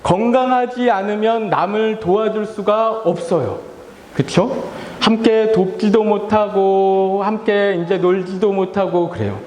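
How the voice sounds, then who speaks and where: The pastor, a man in his thirties, speaks in a high but steady, darkish voice at a measured pace during a children's sermon. Playful throughout, he questions the children, leads call-and-response, and acts out both his relatives and his own weary sighs. The church hall rings with long reverb.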